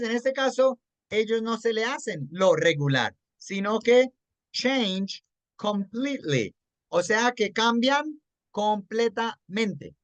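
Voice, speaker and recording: Slow, patient Colombian English teacher. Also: medium pitch, no room sound. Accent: Colombian Spanish. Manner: patient, checks understanding often; mixes English words into Spanish explanation. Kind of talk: explaining grammar to a student. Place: online class.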